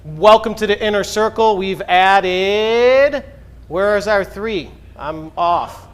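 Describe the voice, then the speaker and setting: A man leading a team sales meeting, energetic and hyping up the team. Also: sits high, slow pace, smooth. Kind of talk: upbeat meeting announcements.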